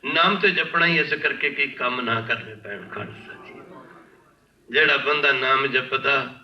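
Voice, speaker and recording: A man from India preaching a sermon with storytelling, impassioned and repeating his phrases, often pausing to beg the congregation's pardon. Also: medium pitch. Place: large worship hall. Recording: echoey hall, distant mic, dull lo-fi.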